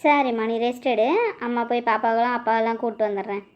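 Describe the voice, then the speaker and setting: A woman playing a caring mother who gently coaxes her daughter in an amateur audio drama. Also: on the high side, fairly even intonation, quick pace, close to an everyday voice. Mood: tender. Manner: tender, patient, coaxing. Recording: dull, lo-fi recording.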